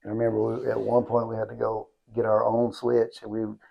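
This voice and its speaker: A man's voice: fairly low pitch, completely flat delivery, brisk, vocal fry, lo-fi sound. A man talks with his mother in an easygoing way, remembering childhood stories during a casual family chat. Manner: easygoing, reminiscing. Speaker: interviewer, son.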